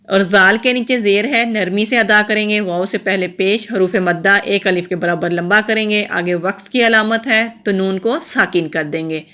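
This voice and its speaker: A woman teaches recitation rules in a patient, methodical way. She goes through each letter and mark one at a time in an even, mid-pitched voice. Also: few pauses. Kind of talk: step-by-step tajweed lesson.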